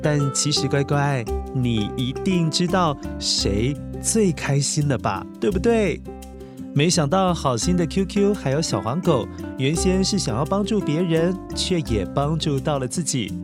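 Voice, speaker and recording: A man's voice: on the high side, lively intonation, a little slow, music in the background. A man hosting a children's story show, narrating playfully and often putting questions to the young listener.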